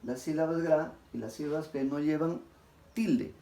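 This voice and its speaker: A man, giving a classroom lecture. He often checks in with his listeners and stretches example words out slowly, syllable by syllable. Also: on the high side, dark tone. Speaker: teacher. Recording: echoey room, faint background noise.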